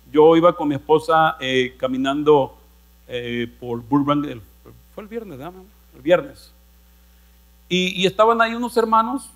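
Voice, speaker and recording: Northern Mexican male pastor, high voice, humorous storyteller, light mains hum. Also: fairly bright tone. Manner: storytelling preacher, jokey, addresses listeners as brother. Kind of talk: sermon.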